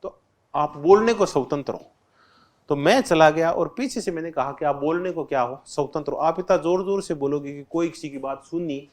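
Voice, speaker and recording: A man's voice: a little high, brisk. A man teaching an exam-prep lecture, constantly asking the class questions and answering them himself, repeating key terms with simple examples. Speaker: political science teacher.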